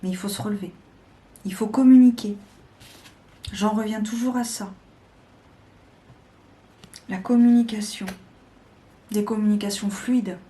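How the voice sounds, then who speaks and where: A woman reads tarot cards for the week ahead, speaking slowly and deliberately. Her voice is mellow and relaxed, at a middle pitch, and she pauses often to find her words. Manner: slow, deliberate, with hesitations. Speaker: tarot reader. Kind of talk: weekly tarot guidance.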